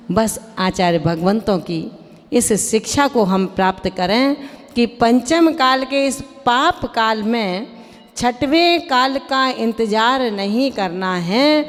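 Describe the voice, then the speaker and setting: A woman delivering a sermon as a Jain nun, chanting scripture verses and questioning and chiding her audience directly. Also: medium pitch. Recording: long hall reverb.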